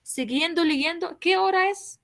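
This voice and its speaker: High-voiced, slow-speaking woman teacher. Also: a bit bright. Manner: patient, repeats each point and asks the class questions. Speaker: Arabic teacher. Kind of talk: online language class.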